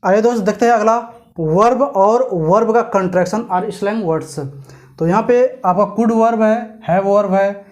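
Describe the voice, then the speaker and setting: A teacher gives a spoken grammar lesson. They read forms slowly one by one, then explain more quickly and keep quizzing the listener with repeated questions. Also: mid-range voice, darkish tone. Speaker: English teacher.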